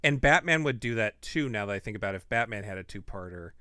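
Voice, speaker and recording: A man co-hosting a podcast who thinks aloud in casual chat, stopping and restarting his sentences. His voice has a bright, forceful edge. The sound is dry and close. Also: fairly low pitch, animated, fast talker, clear, resonant tone, dry recording. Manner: thoughtful, hesitant, restarts while thinking aloud. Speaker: podcast co-host.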